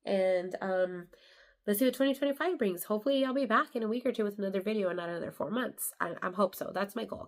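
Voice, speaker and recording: Congested woman chatting about crafts. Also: on the low side. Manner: rambling, filler-heavy, chatty. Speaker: crafting vlogger. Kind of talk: casual chat.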